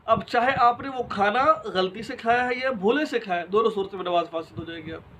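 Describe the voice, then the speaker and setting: High-voiced man teaching a religious lesson. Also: fairly bright tone, slight background noise, low-quality recording. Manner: explains step by step with examples and rhetorical questions; addresses listeners directly and informally.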